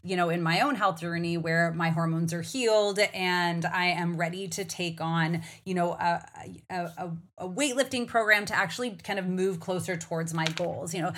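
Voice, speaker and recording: Chatty woman in her forties, lowish voice. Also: fairly even intonation, moderate pace, hardly any pauses, a bit bright. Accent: Canadian. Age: 40s. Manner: chatty, rambling, lots of "you know" fillers and restarts. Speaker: podcast host and hormone coach. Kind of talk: casual podcast chat.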